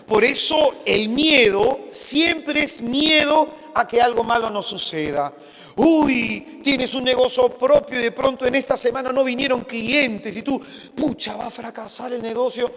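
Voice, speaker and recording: Male preacher, high voice, animated sermon delivery, hall reverb. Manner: animated, acts out worried voices, addresses listeners as brothers.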